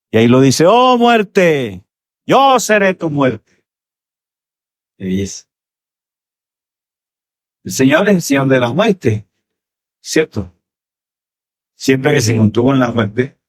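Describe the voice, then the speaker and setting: A Colombian man preaching from the pulpit, his voice sitting at an ordinary middle pitch. He delivers his sermon with big dramatic swings, jumping high and loud for emphasis and then dropping low. He keeps pulling the congregation in with quick rhetorical questions. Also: slightly rough. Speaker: pastor. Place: church.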